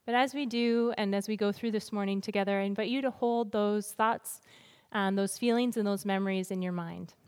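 A woman speaks informally as a guest at a church. Her voice sits at an average pitch for a woman. The hall adds a long reverb around her words. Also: fairly even intonation, a little fast, few pauses, darkish tone, clean tone. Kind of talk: informal address to a congregation.

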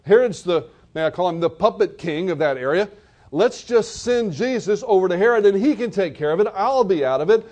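Male preacher, high voice, vivid storyteller delivering a sermon. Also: lively intonation, brisk, a little mellow. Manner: vivid storytelling, retelling scenes.

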